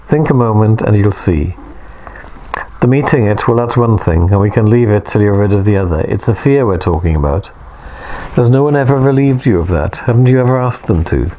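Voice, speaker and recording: A man voicing a calm male poet who talks earnestly and reassuringly in a storybook reading. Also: lowish voice, a little fast, natural voice. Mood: persuasive. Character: calm, persuasive male poet, gently insistent.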